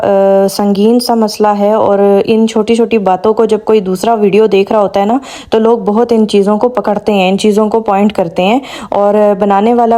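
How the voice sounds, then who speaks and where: A woman vlogger talks straight to her audience in an easy, chatty commentary. Her voice is mellow and warm, sitting at an ordinary middle pitch. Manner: chatty, addresses viewers directly. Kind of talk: casual commentary to viewers.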